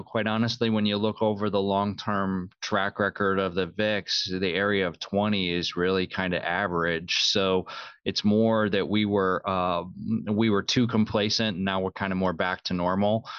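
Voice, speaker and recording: Man, smooth resonant low voice, halting conversational analysis, slightly dull dry recording. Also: fairly bright tone, no echo. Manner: halting, repeats words while thinking. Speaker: market strategist, podcast panelist. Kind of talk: conversational market commentary.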